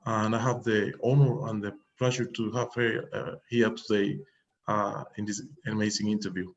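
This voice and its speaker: Cuban-born man, earnest and halting, on a muffled line. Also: lowish voice, little pitch movement. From Cuba. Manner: earnest, halting, many fillers. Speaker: guest musician. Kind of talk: interview answers. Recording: muffled lo-fi call audio.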